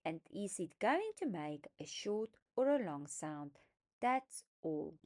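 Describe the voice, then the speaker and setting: A woman talks through a phonics lesson at an unhurried pace, her pitch rising and falling widely as she stretches out vowels. Her delivery is patient and emphatic, and she sounds out each syllable clearly for teachers and children. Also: very animated. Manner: slow, deliberate, emphatic teaching voice, sounding out words. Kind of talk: instructional lesson narration.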